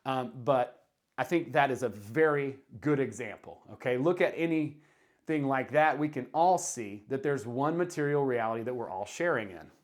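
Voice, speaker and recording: A man's voice: mid-range voice, lively intonation, moderate pace. A man speaks in a mid-range voice with a Southern US drawl. He explains things informally, as a video creator talking straight to viewers. His delivery is conversational, with emphasis on the points that matter to him. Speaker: self-help video creator. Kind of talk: casual explanatory talk to camera.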